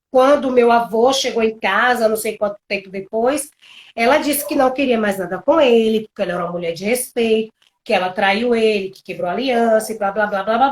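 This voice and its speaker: A woman with a high voice tells a long family story on a live stream. She is animated and dramatic, and she sounds like she is on a video call. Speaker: co-host of a couples live stream. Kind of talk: casual storytelling.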